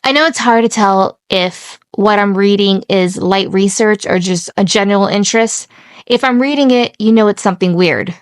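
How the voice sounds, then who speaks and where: A young woman co-hosting a casual podcast, reading a ghost tale with giggles and slow spooky emphasis. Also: mid-range voice, clear, resonant tone, no room sound. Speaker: podcast co-host.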